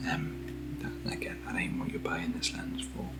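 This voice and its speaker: A British man hosts ASMR unboxing videos, speaking in a soft, breathy, whispery voice that stays low and monotone. He chats casually and rambles gently at an unhurried pace, with music playing underneath.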